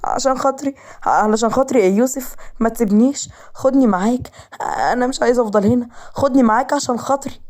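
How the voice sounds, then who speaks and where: A woman's voice: medium pitch, quick pace, mellow, close to an everyday voice. A woman voicing a young woman in a storybook tale, emotional and pleading, with an Egyptian accent. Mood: tearful. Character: young woman, tearful and teasing. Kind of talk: storybook character reading.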